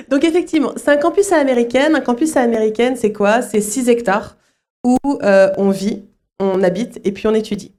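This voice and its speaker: A middle-aged woman, a school director, answering interview questions at a student fair, often pausing with fillers and restarting her sentences. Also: fairly high pitch, a little mellow. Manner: hesitant, many fillers and restarts.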